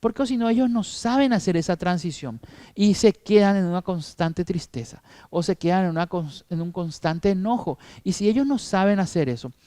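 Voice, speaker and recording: A man, middle-aged, leads a training talk for church children's teachers. His voice sits a little high and he keeps answering his own questions. The sound is close and dry. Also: lively intonation, normal speed, mellow, no room sound. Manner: explanatory, repeats with rhetorical questions.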